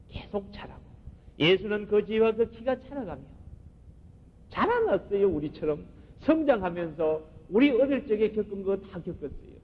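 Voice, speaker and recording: A male pastor preaching a sermon with emphatic, animated delivery, often asking the congregation questions. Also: high voice, slightly rough. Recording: muffled recording in a reverberant hall.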